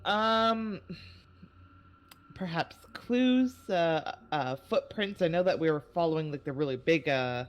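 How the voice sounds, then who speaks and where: A woman from Canada, a player in a tabletop game, chatting in a lively, talkative way. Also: low voice, unhurried. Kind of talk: casual chat.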